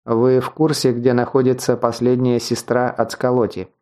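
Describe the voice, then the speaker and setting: A man's voice: medium pitch, normal speed, lightly acted. A man reading as a cold mechanical chief guard. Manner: calm, mechanical, officious. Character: cold male chief guard, law enforcer.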